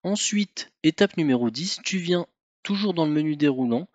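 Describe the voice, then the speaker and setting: A man narrating a step-by-step car tutorial, calm and methodical, speaking informally to the viewer. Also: a little high, normal speed, no echo, dull audio. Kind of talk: step-by-step instructional voice-over.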